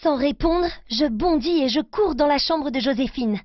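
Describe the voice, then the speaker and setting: A woman reading a children's story aloud, slowly and clearly, in a careful reading voice for children. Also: sits high, dull audio.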